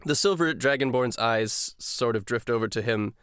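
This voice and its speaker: A man's voice: mid-range voice, moderate pace, a bit bright, smooth, dry recording, studio quality. A man narrating a tabletop game as game master in a casual, chatty way.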